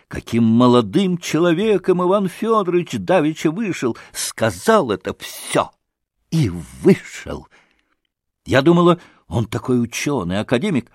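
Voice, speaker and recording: A man voicing an excitable middle-aged society lady who talks effusively and breathlessly. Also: fairly high pitch, no room sound, clean studio sound. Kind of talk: audiobook character voice.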